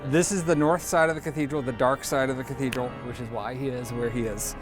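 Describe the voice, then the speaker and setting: A man guiding a cathedral visit in casual interview talk, haltingly repeating words as he explains. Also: medium pitch, steady tone, over music. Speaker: cathedral guide.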